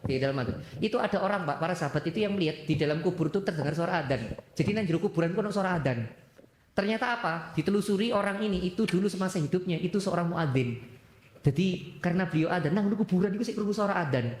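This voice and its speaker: An East Javanese preacher tells a story to a mosque audience, his voice bouncing around a big echoey hall. He talks in a lively storyteller's manner, acting out the people in his tale and mixing Javanese into his talk. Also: high-pitched, quick pace. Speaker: Islamic preacher. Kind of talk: sermon answering audience questions.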